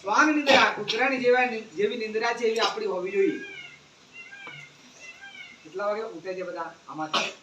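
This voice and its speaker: Brief: male speaker, animated school talk that quizzes the kids; distant mic with faint background ambience. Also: high-pitched, moderate pace, long pauses, echoey room, background noise. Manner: animated, asks the children questions. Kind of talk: moral talk to students. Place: school gathering.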